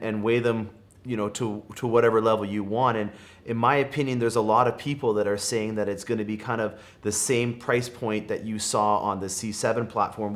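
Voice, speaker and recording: A young man with a Canadian accent hosting a car channel, chatting upbeat with fillers and restarts. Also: lowish voice. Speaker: host, car dealership vlogger. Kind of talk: casual car talk.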